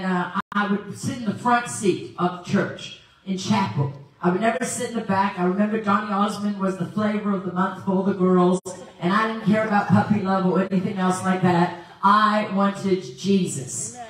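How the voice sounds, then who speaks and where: This guest evangelist, a South African woman in her sixties, preaches with a handheld mic and tells stories animatedly, laughing as she goes. Her pitch is medium. She's filmed by a faraway camera indoors in a large church sanctuary, so the recording is very echoey.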